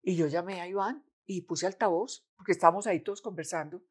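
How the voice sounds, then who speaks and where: An older woman with a Colombian accent shares a long personal memory as an interview guest. Her voice sits a little low for a woman. She tells it in a lively way, taking on the voices of the people in her story as she quotes them. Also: fast, husky. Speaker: interview guest, mother of the host.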